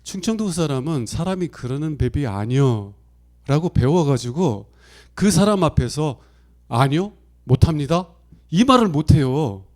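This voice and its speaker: Middle-aged male pastor, mellow voice, chatty storytelling sermon style. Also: fairly high pitch, animated, measured pace. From Chungcheong Province, Korea. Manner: conversational storytelling, acts out quoted lines with big swings in loudness. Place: church sanctuary.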